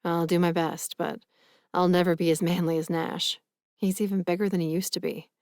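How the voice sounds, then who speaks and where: An affectionate, gently teasing boyfriend, read by a woman narrator. He talks warmly and pokes fun at himself in a storybook romance. The voice is low-set and dry. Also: flat delivery, moderate pace, no echo, natural voice.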